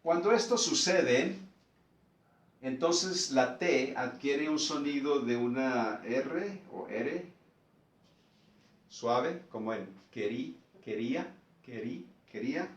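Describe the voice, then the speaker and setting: A man teaching a lesson, explaining patiently and repeating words slowly so learners can follow. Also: mid-range voice, expressive, roomy sound, far from the mic. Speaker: English teacher.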